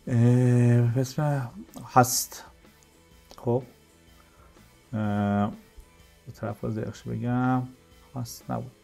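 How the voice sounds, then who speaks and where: Man teaching code over soft music. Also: medium pitch, vocal fry. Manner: explains step by step, asks and answers his own questions. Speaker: programming teacher. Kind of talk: screen-recorded coding tutorial.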